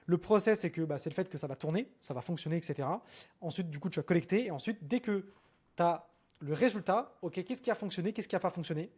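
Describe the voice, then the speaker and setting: Homme rapide, ton de coach décontracté. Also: male voice, high-pitched, a little mellow, husky. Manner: fast, informal, many fillers and restarts, addresses viewer with "ok?". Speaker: marketing coach. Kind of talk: screen-share marketing lesson.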